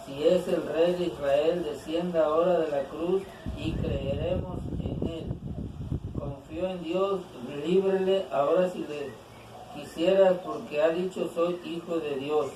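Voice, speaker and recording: A congregation member reading Bible verses aloud during a sermon. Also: male voice, fairly high pitch, steady tone, a little slow. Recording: roomy and distant, with noise.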